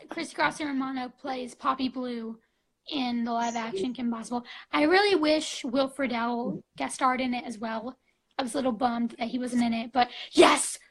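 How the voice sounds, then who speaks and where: A woman's voice: high voice, darkish tone, rough recording. A woman in her twenties chatting casually on a live stream, gushing and bubbly, full of fillers like "like" and "um", on a phone mic. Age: 20s.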